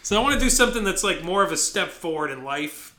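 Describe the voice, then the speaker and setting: A man's voice: high-pitched, lively intonation, quick pace, bright, forceful tone. A man co-hosting a podcast in a bar, telling stories in a chatty way and laughing often, with a sore throat. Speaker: podcast co-host. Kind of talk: casual chat.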